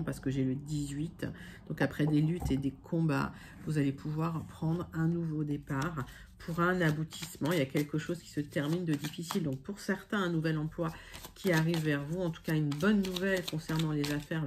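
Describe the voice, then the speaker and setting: Reassuring her viewers as though they were friends, a woman does a relaxed online tarot reading, often using fillers and correcting herself. Her voice is deep and steady, at a moderate pace. There's a slight hiss or hum in the recording.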